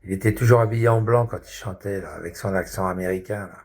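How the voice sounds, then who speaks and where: A man's voice: sits low, quick pace. Rambling older man, 60s, repeats himself, crude slang, talks to himself. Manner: repetitive, crude slang, thinks aloud. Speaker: social media commentator. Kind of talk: rambling casual monologue.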